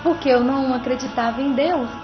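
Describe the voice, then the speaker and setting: A woman with a fairly high voice tells her conversion story as a guest on a religious TV show, speaking emphatically. The sound is muffled, with music playing clearly beneath her. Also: brisk. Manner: emphatic storyteller, often adds tag questions. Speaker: guest giving a religious testimony. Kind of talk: personal testimony in a TV interview.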